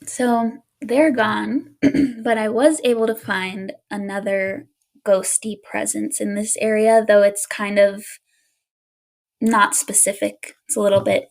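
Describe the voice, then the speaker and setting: A woman co-hosts a casual podcast and tells a spooky story in a relaxed, unhurried way. Her mid-pitched voice carries a gravelly vocal fry. She fills her talk with easy laughs and small fillers. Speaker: podcast co-host.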